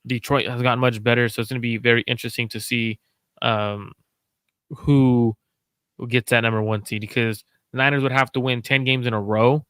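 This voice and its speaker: A man hosting a casual sports chat, analytical and measured, repeating his main points. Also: mid-range voice, steady tone, a bit bright, clean tone, dry recording. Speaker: host.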